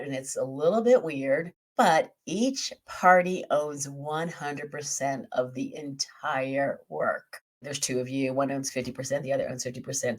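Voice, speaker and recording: A woman with a slightly hoarse, scratchy voice, hosting a podcast and methodically explaining a topic through lists and examples. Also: deep voice. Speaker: podcast host.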